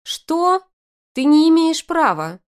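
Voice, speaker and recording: A woman voicing a shrill, scheming young woman who shrieks indignantly at her ex. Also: very animated, slow, exaggerated voice.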